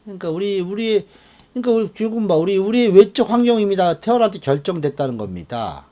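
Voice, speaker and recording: A man teaching a class of students, animated and often checking that they follow along. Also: sits high, brisk. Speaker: fortune-telling teacher. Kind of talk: classroom lecture.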